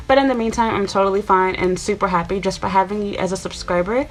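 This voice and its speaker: Talking fast with a mid-range voice and fairly even intonation, this Chicago YouTuber in her 20s chats casually to camera, rambling on with plenty of fillers for her viewers. Audio quality is poor.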